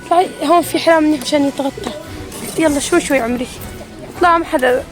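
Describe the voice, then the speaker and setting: Rapid, high-voiced woman. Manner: fussing, rapid, doting. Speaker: family vlog host. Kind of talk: family prank vlog. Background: background music.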